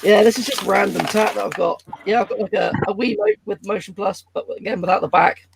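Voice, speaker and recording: A man's voice: high voice, fairly even intonation, a little fast, creaky, background noise. A man doing a casual show-and-tell as a livestream guest. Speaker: livestream guest showing games.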